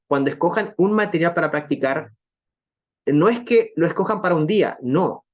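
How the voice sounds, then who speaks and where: A woman's voice: low-pitched, darkish tone, dull audio. Woman, language teacher, online lesson, step-by-step explanation, speaks straight to viewers, frequent "¿ok?" checks. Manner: keeps checking in with "¿ok?" and "¿cierto?". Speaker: English teacher.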